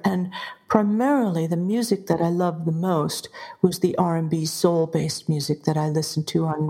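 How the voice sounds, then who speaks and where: A woman in her sixties, an audio technician, telling her career story in an interview. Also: lowish voice. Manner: lively, vivid storyteller.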